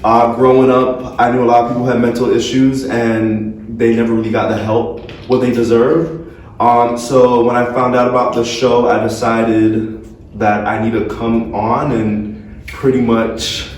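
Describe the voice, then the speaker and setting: A man's voice: mid-range voice, flat delivery, a little slow, a little mellow, slight background noise. A man in his early thirties from Florida, introducing himself sincerely as a reality show cast member. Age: 30s. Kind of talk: casual self-introduction. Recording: echoey room, distant mic.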